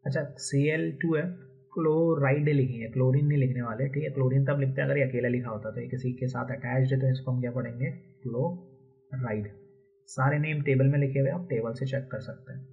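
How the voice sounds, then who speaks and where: Husky-voiced male teacher, lo-fi sound. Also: mid-range voice, fairly even intonation, fast, few pauses. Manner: explains step by step, repeats key terms often. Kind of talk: chemistry lesson walkthrough. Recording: dull lo-fi recording.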